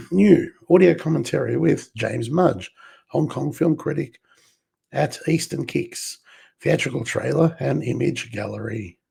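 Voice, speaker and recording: A collector reviewing a film set reads the box covers aloud in a slow, relaxed unboxing. He has a mid-range voice that sounds hoarse and under the weather, and he clears his throat often.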